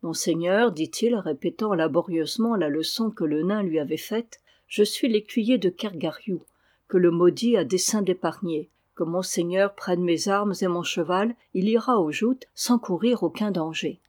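A good-hearted but slow squire, plodding through a rehearsed speech, as the reader voices him. Plain and earnest in tone. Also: medium pitch, a little mellow, natural voice. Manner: slow, laborious recitation. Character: simple, earnest male squire.

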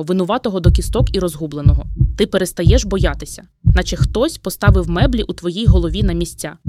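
A woman's voice: on the low side, mellow, no room sound, studio quality. A woman reading a second-person dramatic story aloud in an intimate, dramatic storytelling manner. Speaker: narrator. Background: background music.

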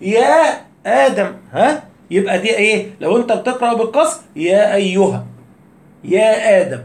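Casting: Egyptian Arabic-accented male recitation teacher, high voice, echoey room, chatty rhetorical questions. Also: animated, a little fast. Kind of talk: casual spoken lesson.

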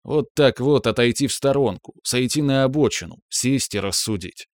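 A man reading a first-person audiobook story in a calm, reflective manner. His voice sits at a middle pitch, and the recording is dry and close. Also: normal speed, no room sound. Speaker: narrator.

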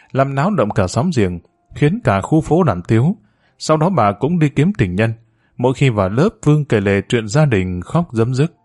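A man narrating a family drama storybook in a steady, measured reading. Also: mid-range voice, dry recording, studio quality.

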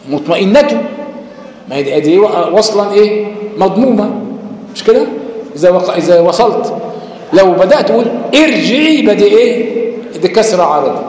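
A man's voice: sits high, darkish tone. A man with an Egyptian accent teaching recitation rules, explaining step by step, asking his class rhetorical questions and chanting short verses as examples. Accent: Egyptian Arabic. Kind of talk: lecture on tajweed rules. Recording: echoey hall reverb.

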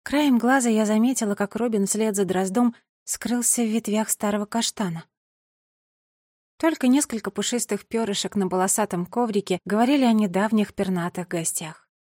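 A woman narrating a children's audiobook in the first person, with lively storytelling. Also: medium pitch, moderate pace, no echo, clean studio sound.

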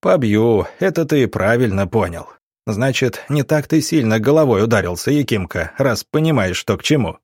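A man voicing a gruff, hot-tempered police officer who barks threats in an audiobook. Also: mid-range voice, lively intonation, normal speed, darkish tone, no room sound, studio quality. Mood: threatening. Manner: barking, threatening.

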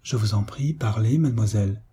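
An innocent, trusting young lady who speaks earnestly and plaintively, as a male reader takes her lines. Her voice comes out dark and soft, with a husky grain. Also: lowish voice, brisk.

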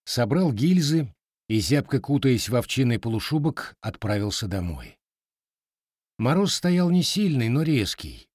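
An audiobook narrator, a man with a medium-pitched voice, reads an adventure story in an even, storytelling style. The scripted narration is studio quality, with no room sound.

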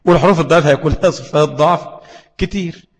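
Gravelly Egyptian man teaching tajweed. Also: a little high, rapid-fire, in a large hall, poor audio. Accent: Egyptian Arabic. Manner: explains with rhetorical questions to students. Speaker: Quran recitation teacher. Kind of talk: tajweed lesson.

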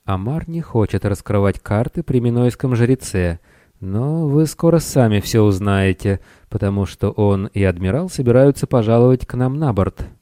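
A man voicing a young princess who gives calm, measured warnings in a raised, softer voice. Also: lowish voice, dry recording, clean studio sound, natural voice. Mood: grave. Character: melodious young princess, grave warner.

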